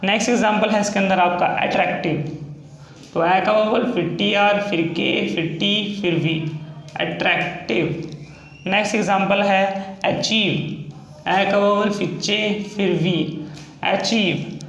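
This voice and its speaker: High-pitched man teaching in an echoey room. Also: fairly even intonation, unhurried, fairly bright tone. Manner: explains step by step, repeats words and says "ठीक है" often. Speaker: shorthand teacher. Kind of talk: recorded classroom lesson. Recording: echoey room with faint background noise.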